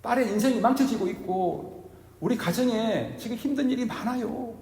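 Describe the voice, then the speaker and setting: A humble, desperate mother begs for help, as a male preacher acts her out in a sermon. Her pleading voice is pitched high and climbs as she begs. An echoey hall gives it a long reverb. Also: moderate pace, a little mellow. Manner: pleading, rising higher and higher.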